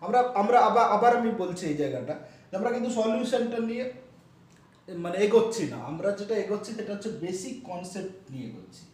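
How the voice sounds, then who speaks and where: Heard from afar in an echoey room, a man lectures on physics in class, explaining step by step, filling pauses and checking comprehension. His voice is high-pitched, sing-song, fast and a little mellow.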